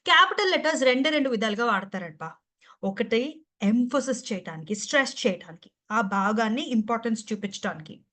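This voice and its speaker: A woman's voice: fairly high pitch, animated, fairly quick, bright, forceful tone. Playful Telugu-accented woman trainer. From Andhra Pradesh or Telangana, India. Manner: playful, teasing, quizzes the class. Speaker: English pronunciation trainer. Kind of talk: online class. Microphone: video call.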